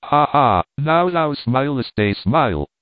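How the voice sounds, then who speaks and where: A man's voice: medium pitch, sing-song, a little slow, no room sound. A man voicing a poetic, lovesick young man who speaks in grand, theatrical declarations in a storybook reading. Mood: dramatic. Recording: dry, tinny phone-like sound.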